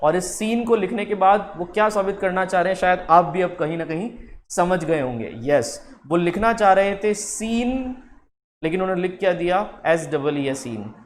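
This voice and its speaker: Male tutor, high-pitched, drawn-out terms, faint background noise. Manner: explains with slow drawn-out English words. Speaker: English teacher. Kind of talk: spoken English lesson.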